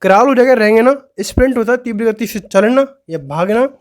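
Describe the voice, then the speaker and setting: A man's voice: very high voice, lively intonation, fairly quick. Man quizzing and repeating vocabulary. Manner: asks quiz questions and answers them himself, repeating key words. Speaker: exam vocabulary teacher. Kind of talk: online lesson explaining words.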